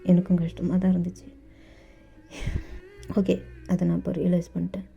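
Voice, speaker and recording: A woman voicing a calm, protective young man who soothes and reassures his partner. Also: lowish voice, normal speed, gravelly. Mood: soothing. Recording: dull lo-fi with faint music.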